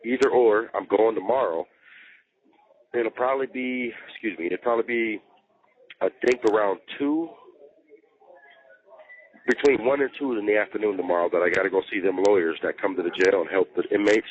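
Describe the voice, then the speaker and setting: A jailed man talks casually on the phone, pausing often as he explains himself repeatedly with plenty of slang and profanity. His voice is fairly low, his speed normal, and the line sounds tinny.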